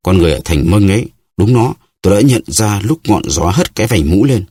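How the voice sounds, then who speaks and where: A man's voice: fairly low pitch, animated, brisk, mellow, breathy edge, voice pushed up. A man reading an audiobook, voicing a hot-headed young male musketeer who speaks with urgency. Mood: furious. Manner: impassioned, urgent.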